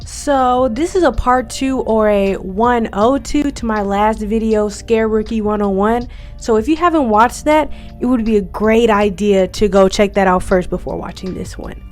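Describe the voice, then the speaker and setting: A woman's voice: mid-range voice, moderate pace, a little mellow, faint music behind. A young woman vlogger sharing friendly, encouraging tips as a first-year scare actor, in a chatty, upbeat way. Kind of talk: friendly tips vlog, partly scripted.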